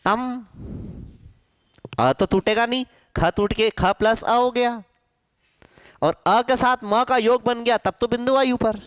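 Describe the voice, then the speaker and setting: A male Hindi teacher giving a grammar lesson to a class, asking questions and answering them himself, sounding out syllables slowly. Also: very high voice, clean tone, dry recording, studio quality. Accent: Hindi, from central India.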